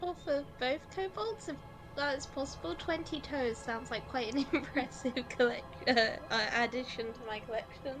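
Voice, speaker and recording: A woman tabletop player with a high, light voice. She talks playfully and giggles often. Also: moderate pace, over music. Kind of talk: tabletop role-play.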